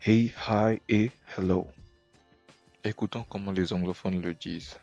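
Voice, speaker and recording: A man's voice: sits low, steady tone, a little slow, gravelly, a little mellow, dull audio, soft background music. A man teaching English pronunciation and greetings in a patient, explanatory way, often checking in with "ok?". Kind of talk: explanatory language lesson.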